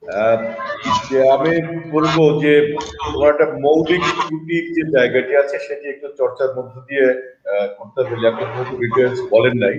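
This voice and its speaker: A man's voice: medium pitch, normal speed, echoey room, muffled recording, noisy background. A man judging a recitation contest, explaining pronunciation and repeating the sounds to demonstrate them. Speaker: recitation competition judge. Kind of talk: spoken pronunciation lesson. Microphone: video call.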